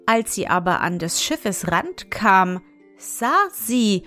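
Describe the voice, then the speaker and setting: Slow, calm woman reading a fairy tale, faint music behind. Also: medium pitch. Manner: calm, deliberate storytelling. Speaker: storyteller.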